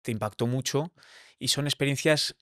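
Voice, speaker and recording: A man, a psychologist answering interview questions in a calm, measured, reflective way. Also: medium pitch, dry recording, studio quality. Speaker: psychologist guest.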